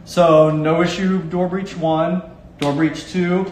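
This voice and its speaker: A man's voice: on the high side, little pitch movement, slow pace, a little mellow, a little hiss or hum. Man hosting an interview in an echoey room. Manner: recaps and explains for viewers, laughs easily. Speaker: host. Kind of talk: casual interview.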